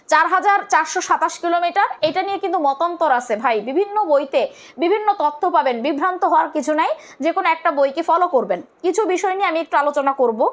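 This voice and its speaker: In an online exam-prep lecture, a high-voiced Bangladeshi woman with a Bengali accent teaches step by step, posing questions and then answering them herself. Her style is colloquial, and she encourages viewers to leave comments.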